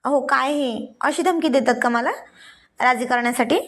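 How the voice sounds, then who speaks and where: A woman's voice: high-pitched, moderate pace, a bit bright. A woman voicing a bashful but teasing young wife in a read-aloud story, speaking lightly and playfully.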